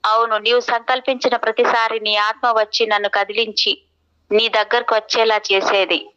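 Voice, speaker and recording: A gentle, loving young woman spirit speaks softly and soothingly, as a woman reader gives her lines. Her voice is bright and smooth, and the recording sounds slightly dull and lo-fi. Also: a little high, level tone, moderate pace.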